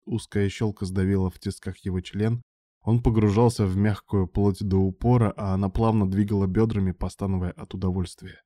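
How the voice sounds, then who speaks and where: A man narrating an audiobook in a steady, even storytelling manner on a close mic. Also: fairly low pitch, fairly quick, no room sound. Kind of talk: scripted narration.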